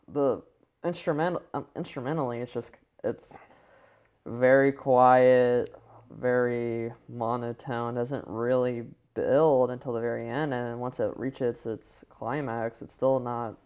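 A man's voice: mid-range voice, steady tone, measured pace, a little mellow, smooth. A man co-hosting a podcast, giving laid-back, hesitant opinions on a song in casual chat. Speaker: podcast co-host. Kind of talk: casual music review chat.

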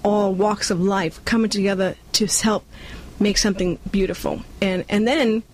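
In a rough recording, a Cuban-born nonprofit leader who grew up in Brooklyn responds earnestly to an interviewer, acting out quotes now and then. Spanish is the speaker's first language, the accent is New York, and the voice is medium-pitched and steady at a moderate pace.

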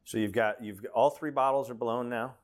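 A man's voice: medium pitch, fairly even intonation, moderate pace. A man interviewing a guest, recapping and checking the details of the story. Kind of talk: interview questions.

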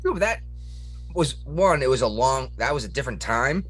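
A man's voice: medium pitch, lively intonation, normal speed, a bit bright, husky. A man in a casual podcast chat, talkative and rambling, pushing provocative points.

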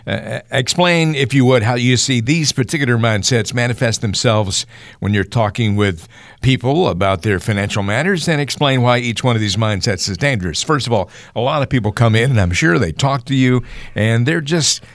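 Friendly radio co-host, dry studio sound. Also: male voice, mid-range voice, normal speed, no echo. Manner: friendly announcer tone, reads phone numbers, asks prompting questions. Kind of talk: radio show announcing and chat. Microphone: studio mic.

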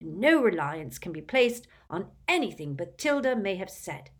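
A woman voicing a flustered, loyal elderly gentleman who speaks feebly and defensively. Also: fairly low pitch, big pitch swings, unhurried, breathy edge, exaggerated voice.

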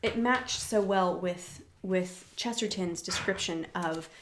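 A woman presenting a book discussion, reading passages aloud and explaining them in a thoughtful, measured way with asides and fillers. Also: on the low side, a little hiss or hum.

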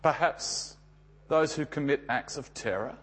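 An Australian man preaching a sermon, telling the story dramatically with emphatic pauses and rhetorical questions. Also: a little high, a bit bright, breathy edge.

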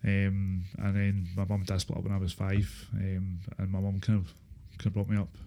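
Low, even-toned Scottish man, halting delivery. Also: creaky. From Inverness, Scotland. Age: 30s. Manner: halting, repetitive, hedging with filler phrases. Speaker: interview guest, former supported-housing tenant. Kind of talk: casual interview, personal recollection.

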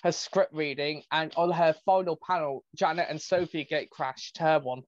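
A man's voice: on the high side, steady tone, moderate pace, no echo, lo-fi sound. A man in his twenties hosting a podcast, chatting eagerly like a fan. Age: 20s. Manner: eager, gushing fan talk. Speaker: podcast host. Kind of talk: casual podcast chat.

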